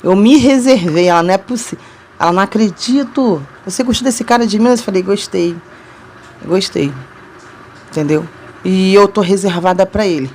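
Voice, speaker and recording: A woman's voice: mid-range voice, normal speed, darkish tone, a little hiss or hum. A woman from Rio de Janeiro in Brazil with a Rio accent, telling her love story to viewers in a casual, chatty way and often laughing between sentences. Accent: Rio de Janeiro Brazilian Portuguese.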